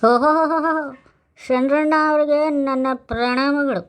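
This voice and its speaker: A woman's voice: high-pitched, fairly even intonation, normal speed, natural voice. A woman playing a drunken, boastful village man in a comic skit, rambling with slurred speech and broken English. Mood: boastful, threatening.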